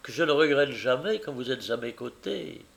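A man's voice: mid-range voice, expressive, normal speed, vocal fry. A man reading aloud, voicing a young blind daughter who speaks with tender delight. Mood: joyful.

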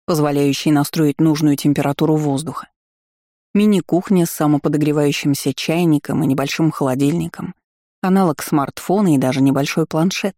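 A woman reading a first-person fantasy novel aloud in a wry, lively storytelling manner. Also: sits low, no echo, clean studio sound. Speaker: audiobook narrator.

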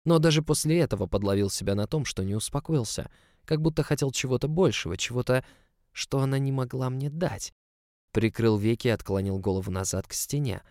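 A man's voice: medium pitch, a little fast, a little mellow, dry recording. A man narrating a story in the first person, in an intimate, close storytelling manner. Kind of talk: audiobook narration.

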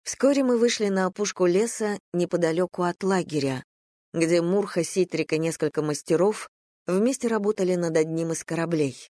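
A woman narrating a first-person fantasy audiobook in a measured, even storytelling delivery. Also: lowish voice, dry recording, clean studio sound.

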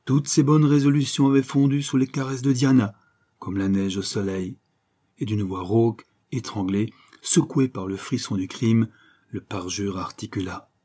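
A man narrating an audiobook in a dramatic, measured way. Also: lowish voice, fairly even intonation, mellow. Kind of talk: audiobook reading.

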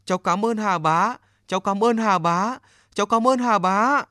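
A man doing an earnest little boy, high-pitched. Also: measured pace, dry recording, studio quality. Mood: eager. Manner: pleading, eager, high and raised. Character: young Eskimo boy, earnest and homesick.

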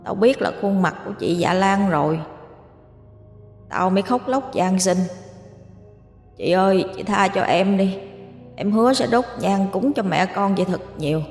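A woman's voice: medium pitch, lively intonation, unhurried, pauses often, darkish tone. Casting: a woman voicing a dead young man's ghost, coarse and frightened, storybook horror, roomy echo. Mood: fearful. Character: terrified dead young man recounting his death. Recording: echoey reverb with music behind.

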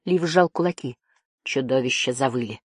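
A woman narrating a fantasy story in a measured, expressive storytelling manner. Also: very deep voice, slightly rough, dry recording. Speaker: audiobook narrator.

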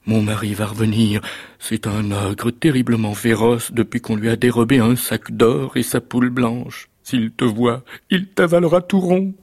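A man voicing the ogre's timid, frightened wife in a fairy tale, speaking high, pleading and anxious. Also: flat delivery, moderate pace, a little mellow.

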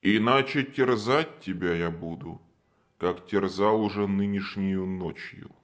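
A man voicing a menacing nightmare spirit in male form that speaks quietly with steel in its voice. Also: sits low, a little slow, voice pushed down. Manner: quiet, steely, archaic threats.

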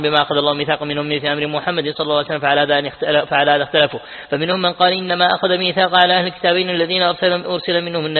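A man, a sheikh, reads aloud from a classical Quran commentary and explains it, restarting words as he goes. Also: on the high side. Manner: rapid, flat recitation with self-corrections. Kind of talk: fast classical Arabic text reading. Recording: tinny lo-fi audio in a reverberant hall.

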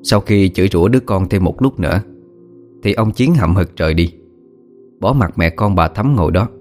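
A man narrating a story as an audiobook reader, steady and expressive. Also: sits low, normal speed, faint music behind.

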